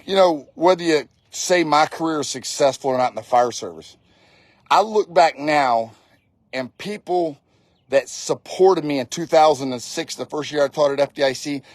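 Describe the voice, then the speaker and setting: A man's voice: a little high, moderate pace, dry recording. Blunt man near fifty, dry sound. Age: 40s. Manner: blunt, swears freely, repeats for emphasis. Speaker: fire service instructor. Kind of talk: casual motivational talk.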